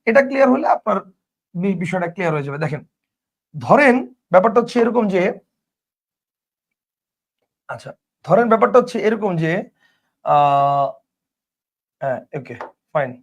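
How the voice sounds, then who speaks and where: A man's voice: high voice, expressive, fairly quick, creaky, long pauses. A man giving a casual grammar lesson, repeating points and quizzing the listener with rhetorical questions. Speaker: teacher.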